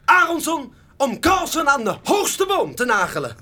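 A blustering, vain prosecutor. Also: male voice, very high voice, huge pitch swings, normal speed, noisy background, heavily acted. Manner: blustering, boastful, mocking. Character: pompous, fame-hungry male prosecutor. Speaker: public prosecutor. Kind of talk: audio drama acting.

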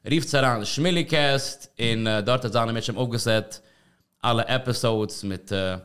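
A man's voice: medium pitch, measured pace, a bit bright, clean tone. A man hosting a podcast in a studio, chatting loosely and rambling, with English words mixed in. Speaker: podcast host. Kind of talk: casual interview chat.

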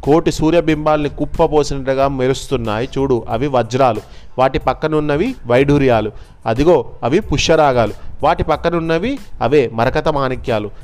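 A man voicing an ancient cursed man who gravely explains his endless torment. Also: medium pitch, moderate pace, darkish tone, lightly acted.

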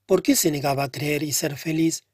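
A man narrating a literary short story in a measured, earnest way. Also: on the high side, a little mellow, no room sound, clean studio sound. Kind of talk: scripted audiobook narration.

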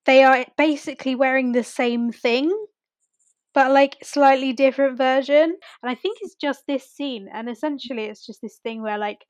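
A woman with a fairly high voice retells film scenes in casual chat, using "like" constantly. The sound is dry and close, with no room echo. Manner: chatty, heavy use of "like", retells scenes.

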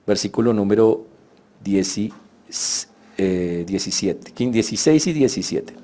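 A man's voice: fairly low pitch, animated, measured pace, dark tone. A man preaching a sermon, telling the story vividly and acting out the voices of the people he quotes.

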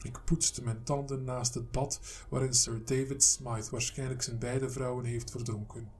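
A man's voice: mid-range voice, flat delivery, unhurried, a little hiss or hum, close to an everyday voice. A man reading a defiant journalist's inner voice. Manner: inner monologue, stubborn. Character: defiant male journalist talking himself up.

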